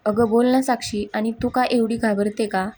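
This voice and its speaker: A woman reading the lines of a kind, coaxing mother-in-law, in a husky voice. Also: fairly high pitch, fairly even intonation, normal speed, close to an everyday voice. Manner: warm, coaxing.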